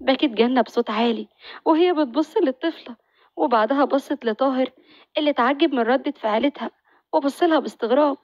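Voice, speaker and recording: A woman narrating a story in a brisk, expressive reading. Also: sits high, no echo, muffled recording.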